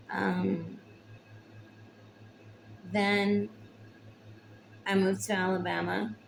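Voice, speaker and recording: Young woman vlogger, tearful confessional, lowish gravelly voice, faint background noise. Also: rough recording. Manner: slow, halting, emotional, with long pauses. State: tearful, recently crying. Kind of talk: personal confessional talk to camera.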